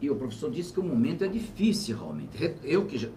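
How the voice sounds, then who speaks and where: Man, 70s, former governor, interview, reflective, emphatic bursts, lively pitch, distant mic, faint background noise. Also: fast. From Brazil. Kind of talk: political interview conversation.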